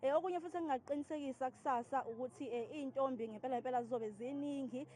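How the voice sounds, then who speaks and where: A woman with a Zulu accent reporting live and interviewing as a field news reporter, often pausing on fillers. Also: sits high, mellow.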